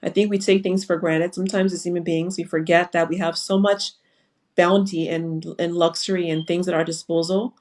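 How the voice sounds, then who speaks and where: Earnest low-voiced woman. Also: level tone, moderate pace, a little mellow. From Liberia. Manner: earnest and reflective, with frequent fillers. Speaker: foundation founder and panel guest. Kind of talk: casual panel talk on a live webinar.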